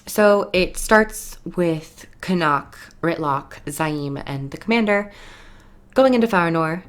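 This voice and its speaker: A woman's voice: fairly low pitch, animated, slow pace. A woman casually and enthusiastically recapping a video game story as a reviewer, rambling a little and sounding tired.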